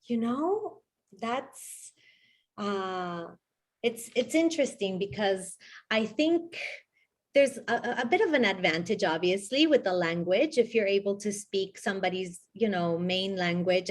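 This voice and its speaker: A woman's voice: medium pitch, expressive, measured pace. A woman from Ecuador, a guest talking reflectively in a casual interview, with many fillers and restarts.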